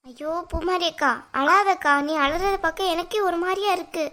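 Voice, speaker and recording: A woman's voice: very high-pitched, moderate pace, sharp tone. A woman voicing an earnest younger sister in a cartoon, who speaks in a soothing, reassuring way. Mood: comforting. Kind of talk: cartoon voice acting.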